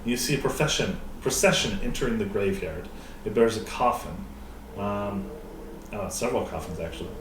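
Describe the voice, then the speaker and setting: A man working as game master, improvising horror narration in an informal, halting way. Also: fairly low pitch, animated. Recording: roomy, distant mic, faint noise.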